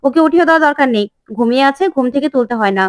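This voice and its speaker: A stern old great-aunt from a family drama, scolding and insistent, her lines rattled off fast and high, as a woman reads them out. The voice sits close and dry, with no room around it. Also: dry recording, close to an everyday voice. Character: stern elderly great-aunt, strict about customs.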